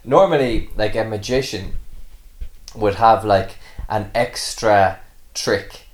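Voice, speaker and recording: A man with a somewhat low voice co-hosts an English-learning podcast. He explains words and phrases patiently, filling his pauses with frequent ums as he talks them through. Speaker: podcast co-host. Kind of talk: casual chat explaining English usage.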